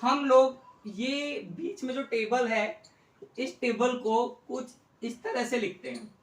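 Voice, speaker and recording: A man's voice: very high voice, steady tone, slow. A man gives a methodical, step-by-step maths lecture as a tutor, going over each point more than once. His voice sits a little away from the microphone. The room around him is roomy and echoing. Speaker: economics tutor. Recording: roomy, mic set at a distance.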